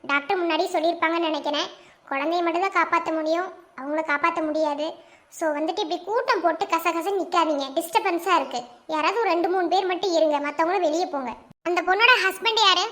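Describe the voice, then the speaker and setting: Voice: extremely high pitch, fast talker, pushed and bright. A performer voicing a firm hospital nurse in a cartoon, scolding visitors. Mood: stern. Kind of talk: cartoon voice acting.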